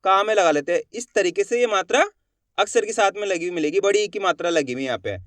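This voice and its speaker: A man teaching a Hindi alphabet lesson, asking the class questions and drawing out each sound slowly. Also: high-pitched, fairly bright tone, no echo, studio quality.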